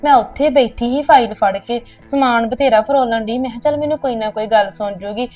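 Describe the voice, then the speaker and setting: An actress playing a young wife who speaks to her husband in a soft, coaxing, pleading way. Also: a little high, a little fast, faint music behind, close to an everyday voice. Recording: distant from mic.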